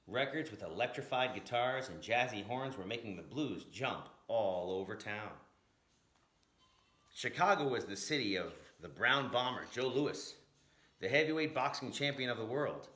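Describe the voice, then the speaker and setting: A storyteller who teaches about the blues reads a picture book in an echoey space, his medium-pitched voice sharp in tone. He performs it emphatically and dramatically, drawing out important words.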